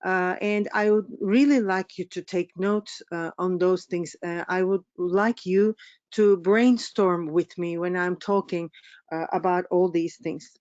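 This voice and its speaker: A woman's voice: fairly low pitch, steady tone, unhurried, darkish tone, no echo, lo-fi sound. A middle-aged woman from Turkey with a Turkish accent, giving a webinar presentation as a business coach, hesitant with many fillers.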